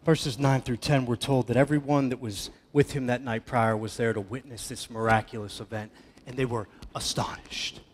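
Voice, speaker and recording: A man preaching a sermon as pastor, with a dramatic delivery that swings between loud emphatic passages and hushed ones. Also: mid-range voice, fairly even intonation, normal speed, a little hiss or hum. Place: church hall. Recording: church hall with long reverb.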